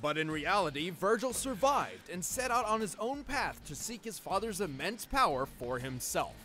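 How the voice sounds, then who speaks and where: A man's voice: high-pitched, big pitch swings, moderate pace, bright, forceful tone, exaggerated voice. A man playing an earnest, nerdy scientist co-host, giving precise scripted analysis. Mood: dramatic, explanatory. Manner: precise, explanatory. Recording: voice over background music.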